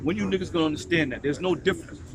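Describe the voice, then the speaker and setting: A man in his forties with a fairly high voice delivers blunt, profane street preaching. Loud traffic hums behind him outdoors. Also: rapid-fire. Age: 40s.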